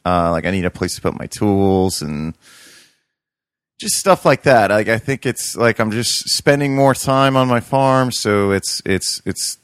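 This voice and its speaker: A young man, a podcast co-host and urban farmer, chats casually about his urban farm, rambling with plenty of fillers and restarts. His voice is on the low side, smooth and unhurried, and the recording is dry.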